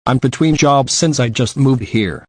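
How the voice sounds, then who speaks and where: A man's voice: mid-range voice, a little slow, darkish tone, no room sound, close to an everyday voice. A man reading the part of an easygoing young male wanderer who talks casually.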